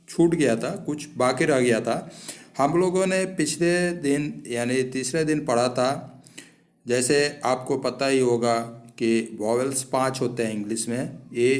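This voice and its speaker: A man's voice: mid-range voice, darkish tone. A man teaching English pronunciation in an online lesson, spelling out words letter by letter.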